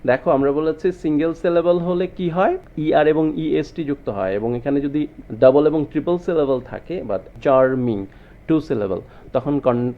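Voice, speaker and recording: A man's voice: fairly high pitch, gravelly, highs cut off. A man teaching a grammar lesson to students, often asking them rhetorical questions. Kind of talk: explanatory lesson.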